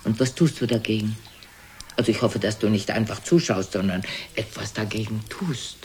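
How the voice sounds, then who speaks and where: Speaking at an extremely low pitch and a normal speed, an older woman plays a frail, reproachful, sharp-tongued old mother in a German radio play. She scolds theatrically, drops into whispers, and sounds nosy and mocking. The older radio recording carries noise.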